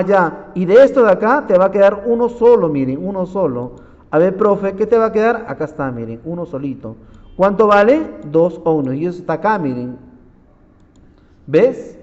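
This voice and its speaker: High-pitched guy teaching physics, keeps saying look here and quizzing the class, muffled audio with a long echo. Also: darkish tone. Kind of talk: classroom lecture solving problems. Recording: dull audio with long reverb.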